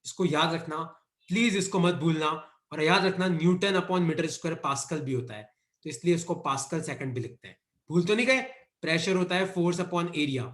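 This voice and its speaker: A man's voice: on the high side, reverberant. Indian man dictating a physics lesson. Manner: repeats dictation cues, mixes Hindi and English. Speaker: physics teacher. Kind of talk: online class lecture.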